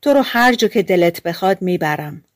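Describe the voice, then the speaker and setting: A woman voicing a huge male forest giant who speaks slowly and solemnly, in a storybook reading. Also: on the low side, lively intonation, no echo, clean studio sound, close to an everyday voice.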